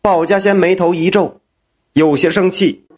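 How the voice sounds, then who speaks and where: A man storytelling a folk tale in an animated, exclaiming manner. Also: sits high, moderate pace.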